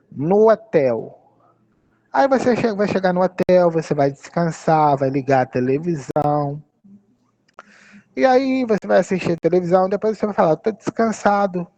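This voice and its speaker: Slow Brazilian man teaching English. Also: high voice, warm tone, highs cut off. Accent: Brazilian Portuguese. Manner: patient, slow, repeats and spells out words. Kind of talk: explaining English phrases in Portuguese.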